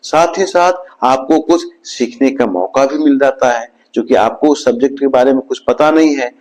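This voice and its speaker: A man giving a scripted motivational talk in a slow, measured way, with his voice dropping low at the end of each point. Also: a little mellow, rough recording. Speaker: motivational speaker.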